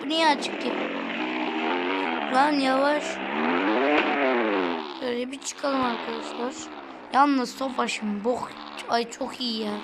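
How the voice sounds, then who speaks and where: A woman's voice: high-pitched, steady tone, slow, pauses often. A woman hosting a casual gameplay video, chatting and coaching a sibling as she drives in the game. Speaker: gaming video host. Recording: loud background noise.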